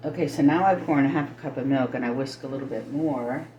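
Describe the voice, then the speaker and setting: A middle-aged woman with a rumbling low voice talks quickly while showing some home cooking, rambling, chatting casually and thinking aloud. She's in her kitchen at home, recorded by a camera placed a little away, so the sound is roomy and distant with faint noise and kitchen clatter.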